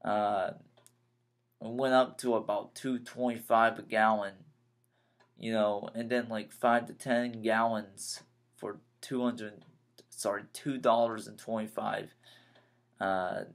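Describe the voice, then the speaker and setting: A nineteen-year-old man vents in a rambling personal vlog, his voice sitting on the low side. He talks slowly, trips over his words and starts phrases again and again, sounding frustrated. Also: level tone. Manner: halting, repeats and restarts phrases, frustrated. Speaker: vlogger.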